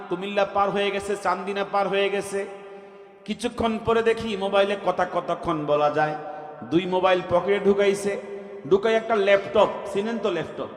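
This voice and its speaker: A man preaching a sermon, telling a lively story, swinging from loud to quiet and asking his listeners questions. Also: sits high. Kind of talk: Bengali waz sermon with storytelling. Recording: echoey, reverberant venue.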